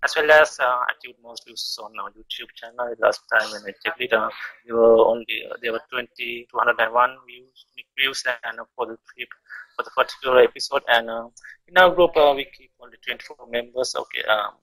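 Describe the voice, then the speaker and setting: A man chairs a student debate on a podcast, his voice bright with a gravelly edge. He talks haltingly, filling gaps with ums and uhs. The sound is dry and close. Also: mid-range voice, no room sound, rough recording. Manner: hesitant, many fillers and restarts.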